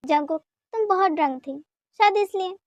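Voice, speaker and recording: A woman's voice: extremely high pitch, moderate pace, no room sound. A woman voicing a stammering young husband. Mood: placating. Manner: hesitant, stammering, placating. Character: young husband, soft and indulgent, evasive. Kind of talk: amateur romantic fan dub.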